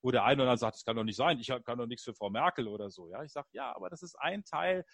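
A man in casual conversation, telling personal stories in an animated, upbeat way. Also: medium pitch, very fast, gravelly, no room sound.

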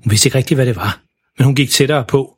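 A man reads a children's story aloud in simple, plain storytelling. His voice is very husky and breathy at an ordinary pitch. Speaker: narrator. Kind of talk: storybook narration.

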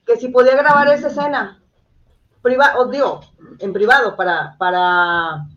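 A woman's voice: fairly high pitch, normal speed, muffled recording. A woman with a Mexican accent giving an earnest, detailed personal account as an interview guest. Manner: earnest, detailed storytelling, checks she is understood. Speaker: interview guest, caregiver mother.

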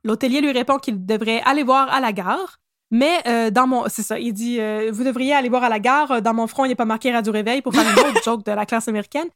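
High-voiced Québécoise podcast storyteller. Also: female voice, brisk, fairly bright tone, dry recording, studio quality. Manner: playful, laughs often, self-correcting. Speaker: podcast co-host. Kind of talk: casual storytelling chat.

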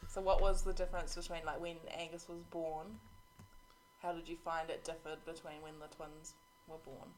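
Aussie woman hosting a podcast, chatty and informal, lowish voice, a bit of background noise. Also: flat delivery, moderate pace, low-quality recording. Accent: Australian. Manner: informal, conversational. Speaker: podcast host. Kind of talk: casual chat.

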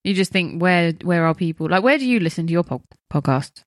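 A woman's voice: on the low side, expressive, fairly quick, no room sound, clean studio sound. A woman co-hosting a podcast in a casual, playful chat, giggling often. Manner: giggly, playful, laid-back. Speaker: podcast co-host.

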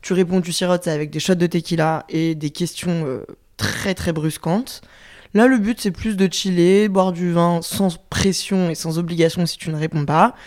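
A young woman with a slightly low voice chats casually as a podcast host. Her way of talking is playful and teasing, like someone talking with a close friend. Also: moderate pace, a little mellow. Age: 20s. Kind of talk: casual chat between friends.

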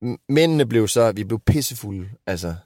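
A man's voice: on the low side, lively intonation, a little mellow, no echo, clean studio sound. Chatty man telling rambling stories. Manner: rambling anecdotal storyteller, swears freely. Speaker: podcast co-host and father. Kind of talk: casual chat.

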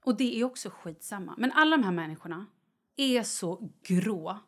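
A woman's voice: mid-range voice, expressive, fairly bright tone. A middle-aged woman co-hosting a podcast in casual chat, telling stories dramatically, swearing freely and dropping into whispered asides. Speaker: podcast co-host.

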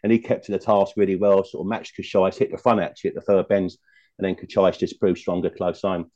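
A male racing pundit talking fast and loosely about his picks, wandering into asides as he goes. His voice is low and mellow. The remote recording sounds dull and lo-fi. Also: level tone. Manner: chatty, rambling, full of asides. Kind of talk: casual betting chat.

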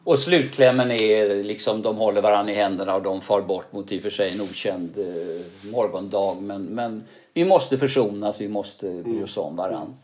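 An older male actor being interviewed, telling stories in a lively way and often ending sentences with a questioning tag. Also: on the low side, hardly any pauses. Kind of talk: casual interview storytelling.

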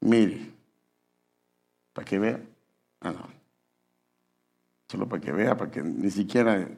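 A man's voice: lowish voice, slow, vocal fry, slightly rough. A man preaching a sermon, acting out church members and leading a prayer. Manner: animated preaching, acts out voices of church members. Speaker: pastor.

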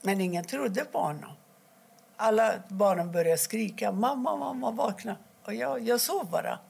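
Gravelly husky-voiced woman telling her story. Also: medium pitch, lively intonation, a little mellow. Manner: halting, with restarts and quoted dialogue. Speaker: interviewee. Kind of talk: personal account in an interview.

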